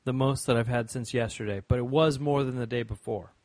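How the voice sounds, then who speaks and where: Young dude on a podcast, deadpan jokes, casual swearing, mid voice, dry close mic. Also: male voice, mid-range voice, fairly quick, dry recording. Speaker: podcast co-host.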